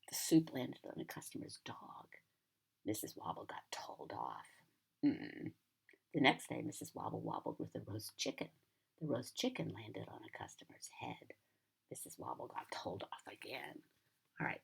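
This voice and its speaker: A sweet old American lady, a grandmother, reads a picture book aloud to a child in a gentle, breathy, husky near-whisper with chatty asides. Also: rumbling low, wildly swooping pitch, normal speed. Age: older.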